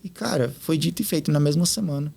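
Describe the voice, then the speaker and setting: A man, a podcast guest telling stories in an animated way and acting out what others said. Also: a little high, fast talker, gravelly, breathy edge. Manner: animated, quotes others in lively retellings. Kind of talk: casual storytelling interview.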